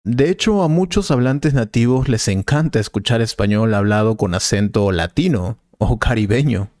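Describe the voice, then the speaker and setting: Calm male professor voiced by a man for a scripted teaching dialogue: patient, slow, dry studio read. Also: lowish voice, no echo, close to an everyday voice. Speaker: Spanish teacher.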